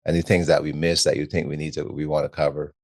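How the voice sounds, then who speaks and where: A man from Barbados with a very deep voice hosts a podcast. He speaks casually into a dry, close mic and guides the talk toward the next topic. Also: little pitch movement, quick pace, darkish tone, no echo. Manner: affirming, steering the conversation. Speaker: podcast host.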